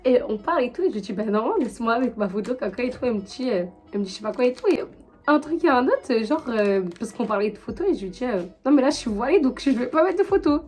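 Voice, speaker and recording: Young woman vlogger, high voice, rambling slangy storytelling, soft music underneath. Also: fast, husky. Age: young adult. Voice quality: high-pitched. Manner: chatty, animated, full of fillers and slang. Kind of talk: casual storytelling to camera.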